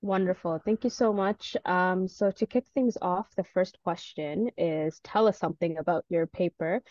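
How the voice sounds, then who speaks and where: A fairly low-pitched, slightly mellow female voice moves at a moderate pace while facilitating a student panel in an online meeting. Her manner is relaxed, courteous, and self-deprecating. The recording is dry, yet the call audio sounds muffled and dull.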